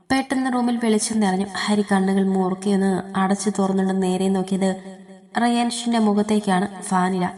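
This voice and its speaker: Sex: woman. Role: storyteller. Style: scripted novel narration. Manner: steady, even. Tone: warm, mellow. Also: medium pitch.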